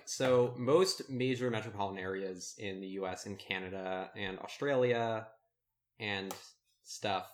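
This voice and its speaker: Male podcast co-host, lower register, loose conversational delivery, frequent fillers. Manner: relaxed, many fillers and restarts. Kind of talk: casual advice chat.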